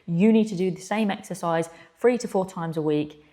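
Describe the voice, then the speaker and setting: A woman with a slightly low voice speaks straight to the listener like a coach. She is blunt and emphatic, putting pointed rhetorical questions as she instructs. The room around her is echoey. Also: normal speed, mellow. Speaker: physiotherapist and clinical mentor presenting. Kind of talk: direct-to-camera instructional talk. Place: echoey indoor space.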